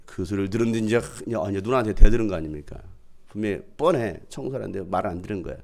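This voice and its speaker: A middle-aged man preaching a sermon as pastor, swinging from loud proclaiming to hushed storytelling. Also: lowish voice, very fast, vocal fry.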